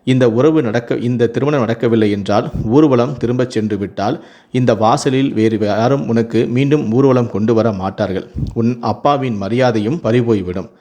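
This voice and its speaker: A man reading the lines of a tearful middle-aged mother who pleads with her daughter in a storybook tale, a little softer and lower than his narration. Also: normal speed, lightly acted. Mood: pleading.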